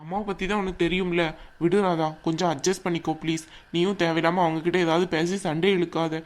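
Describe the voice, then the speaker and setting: A woman voicing a young husband in an animated cartoon, caught between his mother and his wife, talking in a coaxing, placating way. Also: lowish voice, fast talker, close to an everyday voice.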